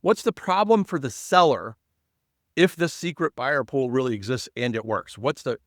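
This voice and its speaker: A man hosting a casual real estate podcast, emphatic and animated, with lively jumps in loudness. His voice sits at a middle pitch. The recording is dry and close-miked. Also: normal speed, dry recording.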